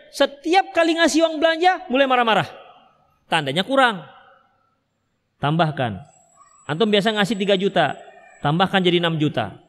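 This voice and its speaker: A man's voice: very high voice, a bit bright, in a large hall. A male Islamic preacher with a Medan Indonesian accent, giving a religious study lecture and answering questions, acting out little husband and wife dialogues.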